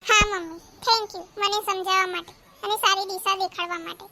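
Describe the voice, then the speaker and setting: A woman voicing a stubborn young married daughter in a cartoon, speaking softly. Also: extremely high pitch, fairly even intonation, a little fast, heavily acted. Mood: remorseful, apologetic. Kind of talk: cartoon voice acting. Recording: loud noise behind the voice.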